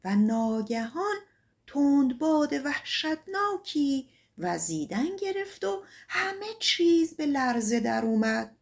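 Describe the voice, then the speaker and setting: A woman narrating a folk tale audiobook in a colloquial, expressive storytelling manner. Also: high-pitched, gravelly.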